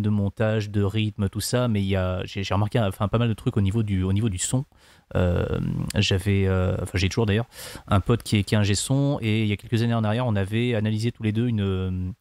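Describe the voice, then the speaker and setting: A man's voice: fairly low pitch, darkish tone, no room sound. A man discussing films casually as a panelist, often searching for his words. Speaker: podcast panelist.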